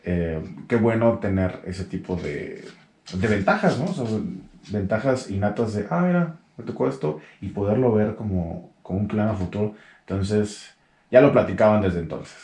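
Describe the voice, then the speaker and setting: Easygoing Mexican man with a low voice. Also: moderate pace, reverberant. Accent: Mexican Spanish. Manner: relaxed, joking, slangy. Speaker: podcast host. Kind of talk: casual chat.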